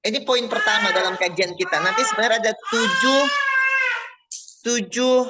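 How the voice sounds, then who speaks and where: High-voiced animated male preacher. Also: normal speed, very noisy. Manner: animated, asks the audience rhetorical questions; calls on listeners by name. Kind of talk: Islamic study sermon on parenting. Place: mosque.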